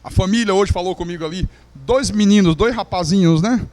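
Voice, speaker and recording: Impassioned pastor, high voice. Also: male voice, fairly quick. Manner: impassioned, acts out quoted voices, swings from hushed to loud. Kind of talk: sermon. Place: church.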